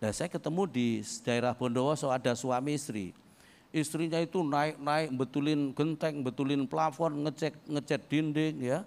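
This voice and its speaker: An older pastor from East Java preaches with humor and tells stories, dropping into low asides and then shouting his points. His voice is fairly high for a man and gravelly. It rings out with a long reverb, as in a large hall. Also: steady tone, moderate pace. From East Java, Indonesia. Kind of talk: humorous sermon.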